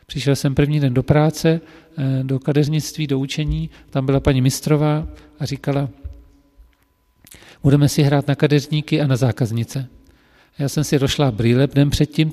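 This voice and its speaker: Man, mid-pitched and mellow, casual anecdotal storyteller, reverberant room. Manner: animated and lively when telling anecdotes, with frequent fillers. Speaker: hairdresser.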